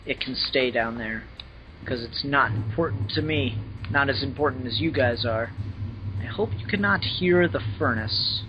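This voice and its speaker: A man's voice: medium pitch, normal speed, lo-fi sound, music in the background. A young adult man hosting a let's play, giving casual, chatty gaming commentary.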